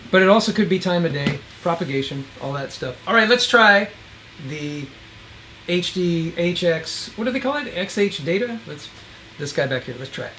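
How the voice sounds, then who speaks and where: High-pitched and sharp-toned, with lively intonation at normal speed, a radio reviewer and video host casually demonstrates gear outside. Wind surrounds him as he thinks aloud in a rambling, folksy way.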